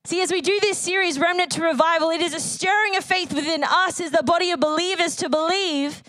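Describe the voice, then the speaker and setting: A woman's voice: extremely high pitch, a little fast, sharp tone, no echo, poor audio. A woman preacher giving an earnest sermon at a church service, reading out a testimony and repeating key phrases for emphasis. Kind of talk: sermon with a read-aloud testimony.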